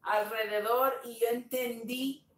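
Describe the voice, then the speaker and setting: A woman pastor speaking slowly and tenderly on a livestream, sharing a testimony and greeting viewers, sometimes slipping in English words. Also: fairly high pitch, steady tone, echoey room, recorded from a distance, slight background noise. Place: home room, dim. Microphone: phone on a live stream.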